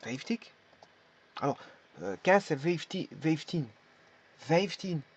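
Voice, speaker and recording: A man's voice: fairly high pitch, expressive, slow, slightly rough. Hesitant man teaching numbers. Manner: hesitant, repeats words while demonstrating pronunciation. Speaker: language teacher. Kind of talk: hesitant spoken lesson. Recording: dull lo-fi recording.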